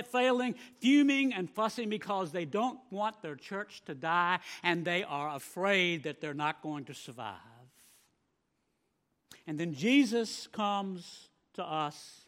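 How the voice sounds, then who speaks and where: A man's voice: sits high, pushed and bright. A man preaching a sermon, emphatic, with swelling volume and frequent repeated words. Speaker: pastor.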